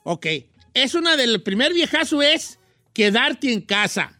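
A man's voice: very high-pitched, expressive, a little slow, sharp tone, no echo, studio quality, soft background music. A man hosting a comedic radio show, telling folksy, rambling stories and joking with his co-hosts. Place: radio studio.

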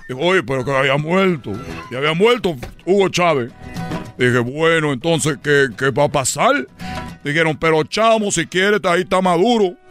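A man's voice: on the high side, moderate pace, fairly bright tone, faint music behind. A man hosting a comedy radio sketch, telling a rambling story and laughing at his own jokes. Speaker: comedy host.

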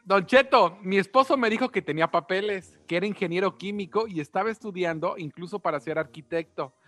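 A man's voice: high-pitched, fairly quick, a bit bright, no room sound. A man co-hosting a radio show in slangy casual chat. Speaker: radio co-host.

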